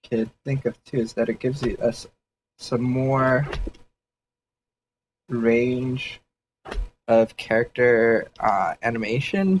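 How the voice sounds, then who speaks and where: A man's voice: medium pitch, slight background noise, poor audio. A man casually thinking aloud during a livestream sketch session, rambling and hedging with fillers as he explains his ideas. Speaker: 3D artist streaming a sketch session.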